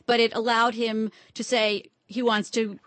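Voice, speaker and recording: Woman as interview host, slightly high pitch, close dry sound, direct questioning. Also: flat delivery, a little slow, fairly bright tone, no echo.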